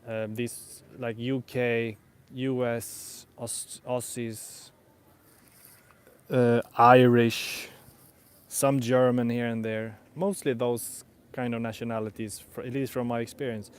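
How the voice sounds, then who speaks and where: A man's voice: medium pitch, level tone, slow pace, clear, resonant tone. A man who speaks English as a second language, thinking aloud in a casual vlog on an outdoor walk, rambling hesitantly and often rephrasing himself. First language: not English. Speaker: vlogger.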